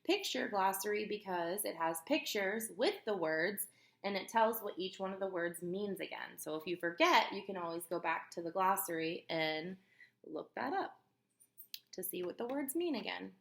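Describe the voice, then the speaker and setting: With a mid-range voice touched by vocal fry, a woman reads a children's book aloud in a teacherly, expressive, emphatic way. She stops to explain and to ask her young listeners questions. The recording carries a roomy, echoey sound.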